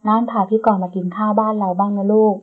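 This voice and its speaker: A gentle, loving middle-aged mother voiced by a woman reading a storybook talks softly and teases a little, at a middle pitch. The sound is dull and lo-fi. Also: little pitch movement, fast talker, slightly rough, lightly acted. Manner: soft, teasing, warm-hearted. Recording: dull lo-fi recording.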